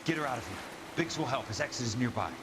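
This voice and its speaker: A man playing a steady, commanding former Marine sergeant in a video game. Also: mid-range voice, fast talker, big-room sound, close to an everyday voice. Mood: somber. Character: gruff male ex-Marine sergeant investigator. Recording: game audio with loud background noise.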